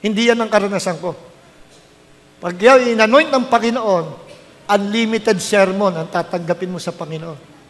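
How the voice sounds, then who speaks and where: A man's voice: high-pitched, normal speed, long pauses, in a large hall. A middle-aged man, a pastor, preaching a sermon and telling his story with animation, mixing English into his talk.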